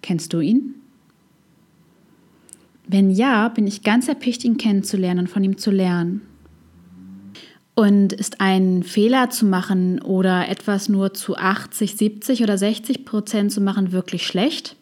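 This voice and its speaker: A woman psychologist hosting a self-help podcast, speaking in a calm, scripted way straight to the listener. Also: medium pitch, a little slow.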